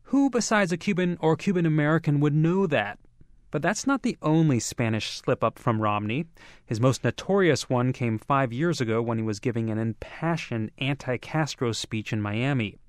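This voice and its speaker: A man's voice: medium pitch, animated, normal speed, smooth, no echo, studio quality. A man reporting a scripted radio news feature in a wry, conversational way. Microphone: studio mic.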